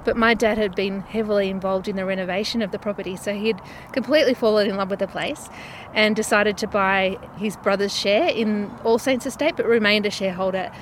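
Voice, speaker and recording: An Australian woman who runs a family winery, chatting warmly as a guest in an interview. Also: mid-range voice, a little fast, slight background noise. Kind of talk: casual interview.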